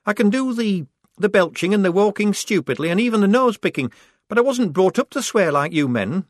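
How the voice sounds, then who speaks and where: Brief: man voicing a young woman posing as a soldier, high, emphatic and easily flustered, storybook reading. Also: expressive, brisk, dry recording, clean studio sound.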